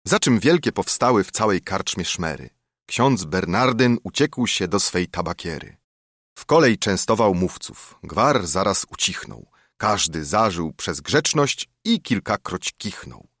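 Lively, low-voiced male verse reciter. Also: a little slow, no room sound, studio quality. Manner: dramatic, expressive recitation. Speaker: narrator. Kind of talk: reciting an epic verse poem.

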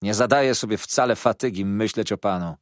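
A man's voice: low voice, sing-song, moderate pace, a bit bright, dry recording, clean studio sound, full character voice. A man voicing an arrogant, insolent older schoolboy who talks back to his teacher in a scornful, cocky way.

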